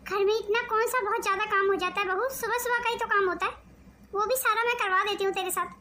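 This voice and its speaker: A woman's voice: very high-pitched, fairly even intonation, quick pace, pushed and bright, slight background noise. A woman voicing a patient, practical mother-in-law in a cartoon family drama, speaking in a soothing, reasoning way. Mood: calm.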